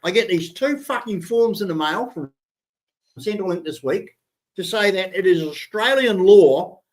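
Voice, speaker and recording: Blunt older Kiwi man, high voice. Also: expressive, a little slow. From New Zealand. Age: 60s. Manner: blunt, sweary, stumbling restarts. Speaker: show co-host. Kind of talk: casual chat.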